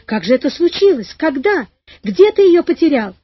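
A woman's voice: sits high, very animated, moderate pace, no room sound, muffled recording, voice pushed up. A woman reading the lines of an anxious, kindly older male professor in a storybook. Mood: worried.

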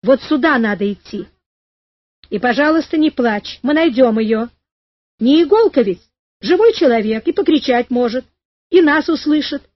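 A woman's voice: sits high, lively intonation, moderate pace, dry recording, dull audio. A woman reading the lines of an anxious, kindly older male professor in a storybook. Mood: reassuring.

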